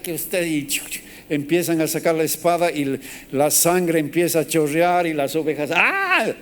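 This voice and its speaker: Clear-voiced pastor preaching. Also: male voice, a little high. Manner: animated preaching with acted-out quotes. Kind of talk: sermon.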